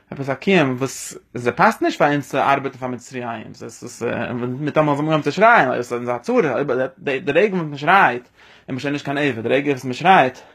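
A man's voice: mid-range voice, fairly bright tone. A man giving a spoken religious lesson, rambling and restarting, mixing in Hebrew and English words. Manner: mixes Yiddish with English and Hebrew terms. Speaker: teacher.

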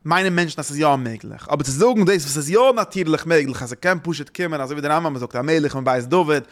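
Halting man. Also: fairly high pitch, expressive. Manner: rambling, halting, repeats phrases. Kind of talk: informal religious discourse.

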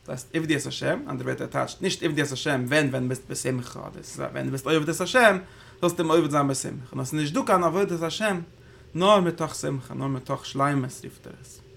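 Gravelly-voiced man teaching Torah in Yiddish. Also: a little high, fairly quick, a bit bright, a little hiss or hum. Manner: rambling, thinking aloud, Hebrew terms woven in. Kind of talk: Yiddish Torah class on the Zohar.

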